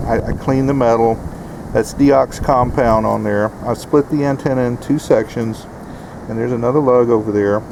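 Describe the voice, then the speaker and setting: Background noise runs under this mid-range male voice as a homesteading channel host walks viewers through his homemade setup. His instructional style is folksy, casual, and plainspoken.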